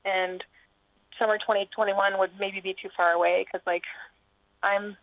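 A woman's voice: mid-range voice, flat delivery, measured pace. A woman in her thirties, a guest chatting casually with lots of fillers and rambling asides. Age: 30s. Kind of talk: casual chat over a phone line. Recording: tinny phone line.

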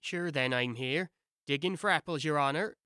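A woman's voice: low-pitched, normal speed, pushed and bright, smooth, no room sound, studio quality, pitched below the performer's own voice. Woman doing a meek Irish-style male servant. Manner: meek, deferential, drawling brogue. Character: humble Irish male servant digging in garden.

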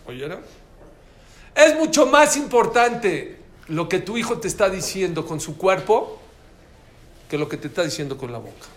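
Animated Mexican man lecturing a room. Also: high-pitched, moderate pace, pauses often. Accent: Mexican Spanish. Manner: animated, asks the audience questions. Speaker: lecturer giving a talk on listening. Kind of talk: lively classroom talk. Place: room with a live audience. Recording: echoey room with faint ambient noise.

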